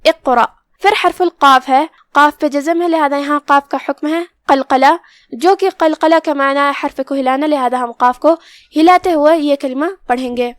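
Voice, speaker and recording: A woman teaching Quran recitation rules, explaining calmly and reciting verses slowly and carefully. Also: high-pitched, no room sound. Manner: slow, careful recitation between plain explanations. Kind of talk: tajweed lesson.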